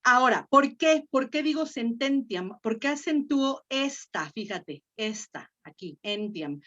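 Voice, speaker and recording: A woman's voice: high voice, lively intonation, unhurried, a bit bright. A Mexican woman teaching a Latin class online, patient and encouraging as she corrects students' pronunciation. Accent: Mexican Spanish. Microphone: video call. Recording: lo-fi video call audio.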